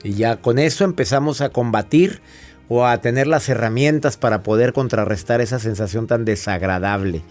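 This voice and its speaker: A man's voice: mid-range voice, moderate pace, soft background music. A man hosting a radio show, giving emphatic, fatherly advice to a caller and interviewing a guest. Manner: warm fatherly advice, emphatic, rhetorical questions.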